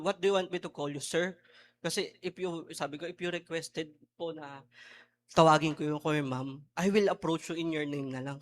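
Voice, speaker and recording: A man with a Filipino accent, a deacon giving a sermon, telling a personal story and acting out both sides, then preaching with loud emphasis. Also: fairly high pitch.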